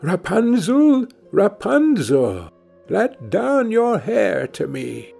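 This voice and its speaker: Man voicing a slow, imperious storybook enchantress. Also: high-pitched, huge pitch swings, creaky, dark tone, husky, pitched above the performer's own voice, heavily acted. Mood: calling out. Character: stern, angry, commanding female enchantress. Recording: music under the voice.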